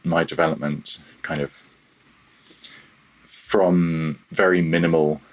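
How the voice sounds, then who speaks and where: The speaker is a freelance audio programmer, a podcast guest in a casual interview, with a very deep, steady voice that takes things slowly, captured on a rough recording. He pokes fun at himself and sounds a bit unsure in his wording.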